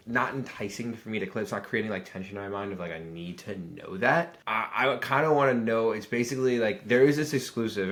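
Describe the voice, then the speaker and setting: A YouTube strategy reviewer with a fairly low, fairly bright voice gives a casual critique of a video, rambling loosely with heavy "like" fillers and frequent restarts.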